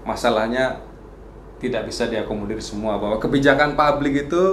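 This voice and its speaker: A man with a mid-pitched voice speaks calmly and at a measured pace as a guest on a talk show. He is heard in an echoey room with faint background noise. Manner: calm, measured, laughs softly. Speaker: civil service official, guest. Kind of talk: casual interview answers.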